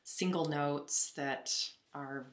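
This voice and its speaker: This woman hosts an interview podcast, putting engaged, friendly questions to her guest. She speaks extremely slowly in a low, steady voice, and the recording has a roomy echo.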